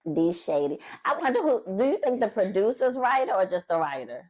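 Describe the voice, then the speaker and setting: A woman's voice: mid-range voice, very animated, moderate pace, darkish tone, breathy edge, no room sound, lo-fi sound. Blunt, shady woman recapping reality TV. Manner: blunt, shady, acts out quotes. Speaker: podcast co-host. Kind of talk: casual recap chat.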